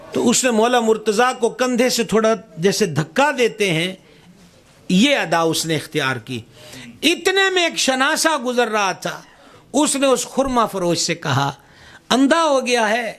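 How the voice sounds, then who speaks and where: High-voiced man preaching with passion. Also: a bit bright. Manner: impassioned, acts out voices in the story. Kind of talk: sermon.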